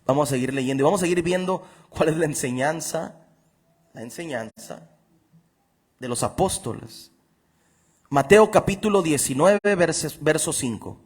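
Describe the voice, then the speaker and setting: A man with a high, husky voice delivers a sermon. He is middle-aged, emphatic and insistent, and he slows down to read scripture with weight on each phrase. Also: expressive. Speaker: preacher.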